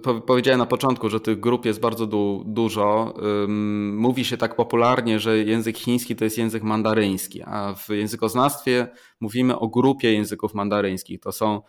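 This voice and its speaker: A middle-aged man, a professor, explaining in an interview in a measured way with examples, with frequent fillers and restarts. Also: on the low side, steady tone, smooth. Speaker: professor of Chinese, interview guest.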